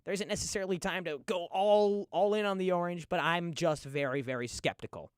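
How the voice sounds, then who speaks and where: Fired-up, skeptical high-voiced male co-host. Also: brisk, clear, resonant tone, no room sound, clean studio sound. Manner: skeptical, gets fired up in debate. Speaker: radio sports talk co-host. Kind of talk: casual sports radio chat. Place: radio studio. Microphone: studio microphone.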